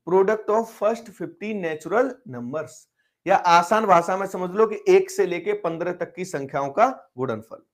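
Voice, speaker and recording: A man teaching a live online math class, coaxing and quizzing his students as he explains. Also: high-pitched. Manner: coaxing, quizzing students, switching between Hindi and English terms.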